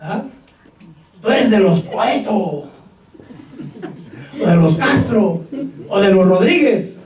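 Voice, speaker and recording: A man's voice: high voice, animated, slow pace, a little mellow. A male pastor with a Mexican Spanish accent, preaching a Pentecostal sermon and putting rhetorical questions to his congregation. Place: church hall. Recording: echoey church hall, mic at a distance.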